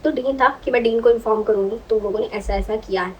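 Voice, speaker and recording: A young woman vlogger telling a personal story in an animated, chatty way, often checking in with the listener. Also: a little high, quick pace, slight background noise, poor audio. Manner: animated, chatty, frequent "ठीक है" check-ins. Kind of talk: casual storytelling.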